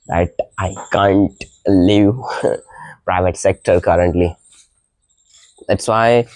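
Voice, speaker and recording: A young guy with a cold, his voice much deeper than normal, records a casual morning vlog to practice English on a balcony filled with early birdsong; his native language is Indian. He speaks slowly and haltingly, dropping uhs, fillers and small laughs. His noise-cancelling mic yields a dry, close, slightly mellow sound with no room sound.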